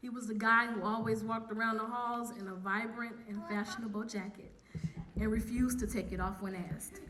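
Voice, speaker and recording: A woman, an academic dean, giving a formal memorial tribute in a measured, solemn manner. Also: a little high, bright, forceful tone, slight background noise. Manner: measured, solemn prepared reading.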